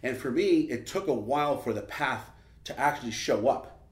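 A man's voice: mid-range voice, animated, moderate pace, background noise. A man giving a motivational speech built on a personal story, emphatic, and often tossing in "man". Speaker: motivational speaker. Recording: roomy echo.

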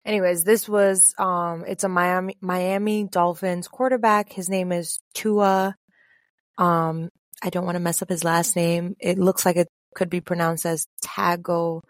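A woman from the Caribbean, co-hosting a podcast in casual chat, chatty and quick to laugh. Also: fairly low pitch, little pitch movement, no room sound, studio quality. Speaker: podcast co-host.

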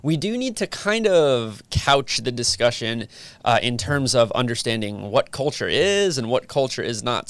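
Male podcast host, upbeat and chatty, smooth resonant voice, dry close sound. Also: medium pitch, no room sound. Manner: upbeat, friendly, some filler words. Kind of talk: interview podcast.

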